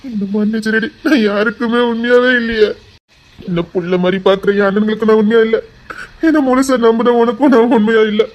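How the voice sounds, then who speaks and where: A man's voice: sits high, a little fast, a little mellow, breathy edge. A man playing a remorseful young husband. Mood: anguished coaxing. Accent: Tirunelveli Tamil. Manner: urgent, coaxing, choked with remorse. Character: guilt-ridden young husband, anxious and remorseful. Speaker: actor. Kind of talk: melodramatic web-series acting.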